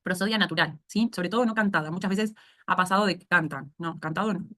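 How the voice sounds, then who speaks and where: A woman's voice: fairly low pitch, fast, bright, forceful tone. A woman with a Rioplatense Spanish accent lecturing as a speech therapy instructor in an online course, explaining things step by step and often checking in with "¿sí?". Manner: explanatory, asks "¿sí?" to check understanding.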